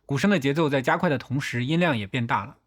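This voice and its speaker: This film analysis host speaks fast at a medium pitch. He walks through the shots one by one in a methodical, explanatory narration.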